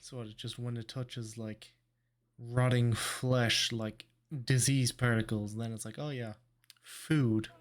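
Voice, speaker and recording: A man's voice: mid-range voice, level tone, unhurried, soft background music. A man giving casual, blunt, sweary reaction commentary as a streamer. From Ireland.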